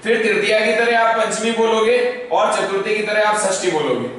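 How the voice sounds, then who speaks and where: A male school teacher giving a classroom lecture, chanting grammar forms in a slow sing-song tune and checking in often with "okay?". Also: high voice, fairly bright tone. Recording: very echoey, far from the mic, faint noise.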